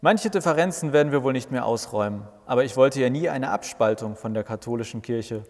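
A man's voice: mid-range voice, fairly quick, natural voice. A man voicing a grumpy, indignant old male church reformer who blusters and complains, in a reverberant recording. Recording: long reverb.

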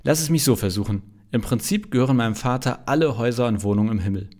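A man voicing Jesus as an earnest young man explaining things gently. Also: medium pitch, quick pace, natural voice. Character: cheerful male Jesus, young adult, earnest.

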